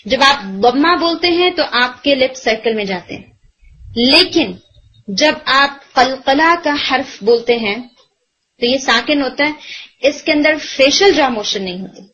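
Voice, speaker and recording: A woman teaching tajweed in a high, clear-pitched voice, mixing English terms into her explanations. She patiently demonstrates the recited words again and again. The recording sounds a little dull and lo-fi. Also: animated, a bit bright. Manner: mixes Urdu with English terms. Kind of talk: online tajweed lesson.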